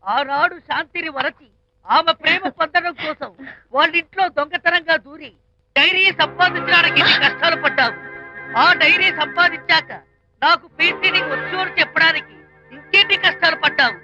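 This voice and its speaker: A meddling, gossipy comic friend. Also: male voice, very high voice, fairly quick. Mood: teasing. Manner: chatty, theatrical, mock-emotional. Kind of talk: 1990s comedy film dialogue. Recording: muffled film soundtrack with music.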